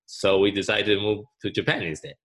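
Deep-voiced Taiwanese man, halting speech. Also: steady tone, fairly bright tone, slightly rough. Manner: halting, frequent restarts and fillers. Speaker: guest, parent. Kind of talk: casual interview answers.

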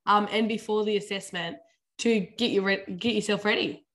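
A woman's voice: medium pitch, steady tone, normal speed, fairly bright tone. A woman with an Australian accent hosting a casual interview, asking questions in an informal, slangy, conversational way. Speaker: podcast host, interviewer.

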